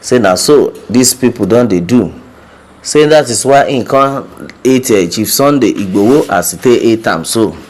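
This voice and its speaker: A man's voice: mid-range voice, expressive, moderate pace, a little mellow. A Nigerian man giving informal news commentary, repeating points for emphasis and addressing his listeners directly with hesitation sounds.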